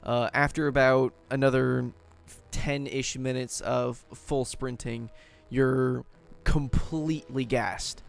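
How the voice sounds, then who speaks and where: A man's voice: mid-range voice, little pitch movement, slow, creaky. A man narrating a tabletop game as game master, loose and full of fillers.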